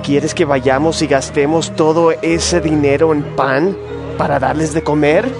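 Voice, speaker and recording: An incredulous disciple in a scripture drama, earnest and questioning. The voice sits fairly high, with clear music behind it. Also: male voice, steady tone, measured pace.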